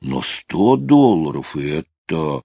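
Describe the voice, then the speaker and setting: A man's voice: extremely low pitch, very animated, slow pace, vocal fry, dark tone, no echo, full character voice. A man reading an audiobook, voicing an eager, awkward young sailor who is pushy and flustered.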